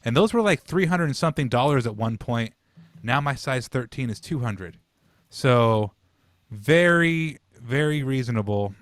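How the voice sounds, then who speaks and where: A man's voice: mid-range voice, animated, a little slow, no echo. A man co-hosting a podcast, chatting casually and telling stories with some swearing. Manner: laid-back, chatty storytelling with swearing. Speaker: podcast co-host. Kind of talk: casual chat.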